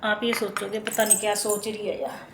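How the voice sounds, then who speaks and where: A young woman vlogging casually from her hot home kitchen, hoarse and unwell, chatting and complaining straight to her viewers. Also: medium pitch, level tone, a little fast. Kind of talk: casual chat to camera. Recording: echoey room, faint noise.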